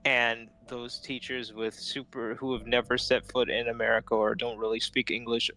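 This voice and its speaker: A man's voice: medium pitch, little pitch movement, moderate pace, bright, forceful tone, poor audio. A man chatting casually, rambling and laughing often. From Philippines. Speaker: streamer chatting while drawing. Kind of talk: casual chat.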